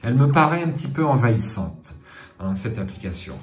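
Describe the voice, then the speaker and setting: A man's voice: mid-range voice, big pitch swings, brisk, reverberant. A man hosting a board game channel, talking casually to his viewers with many fillers and restarts.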